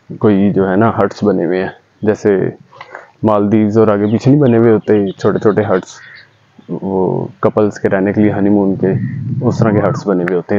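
A man's voice: fairly low pitch, mellow, lo-fi sound, a little hiss or hum. A chatty young man from Pakistan giving a casual vlog tour of his village outdoors, talking straight to viewers into a handheld camera. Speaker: vlogger.

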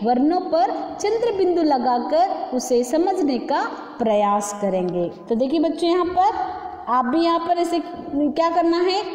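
High-pitched lady teacher talking slow to little kids, echoey room. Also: big pitch swings, a little mellow. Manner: slow, patient, repeats questions to the class. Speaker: primary school teacher. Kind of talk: online Hindi lesson for young children.

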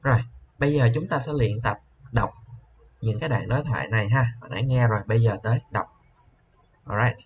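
A man teaches a beginner English lesson in a medium-pitched voice, patiently repeating each word slowly several times and often tagging on "ha." The audio is a little dull and lo-fi, with a faint hiss underneath.

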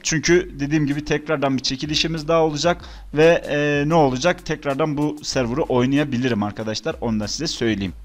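A young man talking through a game in casual commentary, excitable and swinging between groans and outbursts. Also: fairly high pitch, fast, few pauses. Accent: Turkish. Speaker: gaming YouTuber. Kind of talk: casual let's-play commentary.

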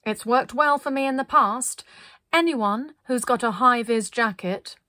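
A woman voicing a bossy, officious woman who leads a group, giving flat, businesslike commands loudly and slowly. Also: on the high side, no echo, voice pushed up. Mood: instructive.

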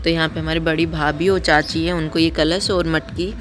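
A woman's voice: sits low, fairly even intonation, normal speed. A woman with a Rajasthani accent narrating a village wedding ritual for her vlog, explaining each step to viewers as it happens. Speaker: vlogger. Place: outdoors at a crowded village wedding. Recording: noisy phone video in a crowd. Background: crowd of women and loud ambient noise.

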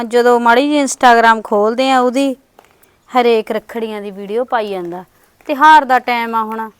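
A woman's voice: fairly high pitch, dry recording, close to an everyday voice. A woman playing an anxious young sister. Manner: musing aloud, hesitant. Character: anxious young married sister wanting to visit her brother. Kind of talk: family short-video acting.

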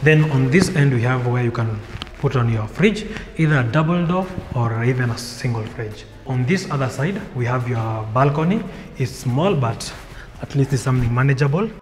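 A young Kenyan house tour vlogger walks viewers through an empty apartment, pointing out each room as he goes. His mid-range voice is expressive at a moderate pace, the bare rooms echo, and a music bed plays beneath him.

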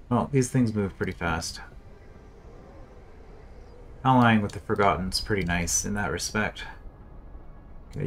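A man with a low voice narrates his own strategy game session, half talking to himself. His tone is dry, with bits of deadpan sarcasm. A faint buzz of crickets and insects sits under the recording. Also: a little hiss or hum. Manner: muttering, thinking aloud, dry sarcasm. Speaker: gameplay commentator. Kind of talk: casual let's-play commentary.

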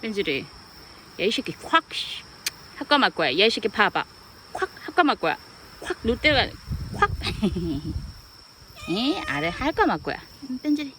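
With a fairly bright, high-leaning voice and big pitch swings, a woman chats with her dogs, alternating tender baby talk and mock reprimands, sometimes in English. She's unhurried and leaves long pauses, against noisy outdoor sound.

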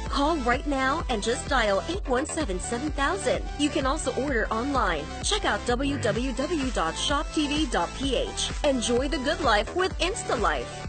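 A woman announcer delivers a scripted TV shopping pitch in a high voice with very lively intonation. Her delivery is emphatic and sales-driven, over a light music bed. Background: background music.

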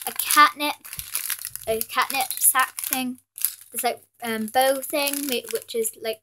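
In a noisy setting, a teenage British girl with a high voice and a sniffly cold hosts her pet channel's casual haul vlog. She rambles, full of fillers and apologies, as a camera above captures her hands at a table with Christmas decorations indoors.

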